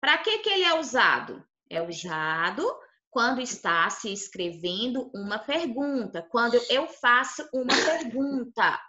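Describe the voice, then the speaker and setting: A young woman teacher with a Brazilian Portuguese accent leads a lesson for small children. Her voice is bright and slightly high. She is patient and checks their understanding at every step. The recording has a roomy echo. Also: big pitch swings, measured pace. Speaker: primary school teacher. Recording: echoey room.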